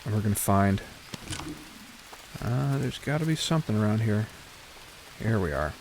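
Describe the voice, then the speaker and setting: Low-voiced man narrating a survival game. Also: very animated, moderate pace, noisy background. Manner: chatty, self-correcting, talks to viewers while playing. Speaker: gaming channel host. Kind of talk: casual let's play commentary.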